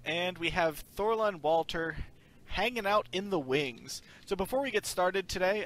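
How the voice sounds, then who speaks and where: In a fairly high, somewhat bright voice, a male podcast host runs a casual chat, introducing the panel and making announcements in a chatty way.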